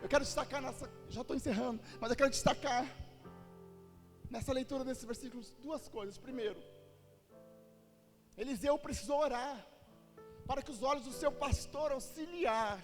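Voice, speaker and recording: A man's voice: extremely high pitch, normal speed, long pauses. A Brazilian man preaching a sermon, telling a Bible story and having the congregation repeat phrases. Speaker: pastor. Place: church sanctuary. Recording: reverberant church hall with music.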